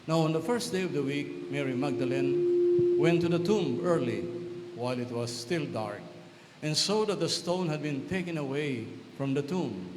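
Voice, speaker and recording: Priest proclaiming in a cathedral echo. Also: male voice, on the high side. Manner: formal, measured proclamation. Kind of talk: liturgical gospel reading. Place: large church. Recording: echoey church hall with long reverb and faint noise.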